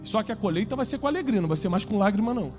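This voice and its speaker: A man with a Brazilian Portuguese accent preaching a sermon to a congregation, emphatic, with rhetorical questions and climbs toward near-shouts. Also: sits high, animated, racing, soft background music. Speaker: pastor. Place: church before a congregation.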